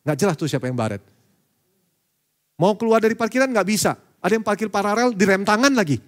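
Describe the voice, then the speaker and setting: A man's voice: high voice, expressive, fast. A middle-aged man, a church elder, preaching a sermon in a conversational storytelling way and acting out the dialogue.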